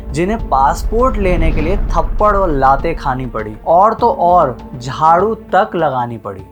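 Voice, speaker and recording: A man hosting an explainer video, narrating plainly and asking an interviewee questions. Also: on the high side. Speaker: host and narrator.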